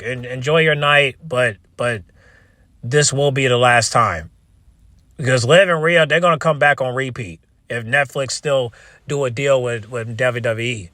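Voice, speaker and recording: A man with a bright, tense voice at a middling pitch records an opinionated rant in a very dry space. He sounds exasperated and talks casually to his viewers, repeating himself, restarting phrases and swearing freely. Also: no room sound. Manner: exasperated, repetitive, halting restarts. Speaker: wrestling commentary video creator.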